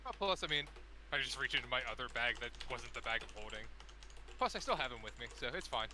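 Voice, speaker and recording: A man's voice: mid-range voice, animated, fast, noisy background. A man speaking casually as a player in a tabletop role-playing game.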